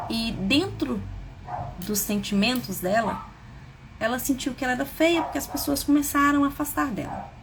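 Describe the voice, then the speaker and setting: A woman's voice: fairly high pitch, a little hiss or hum. A woman in her thirties, a counselor and mother, who speaks in an earnest, explanatory way and repeats her key points. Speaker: emotional wellbeing counselor and mother. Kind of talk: casual advice talk.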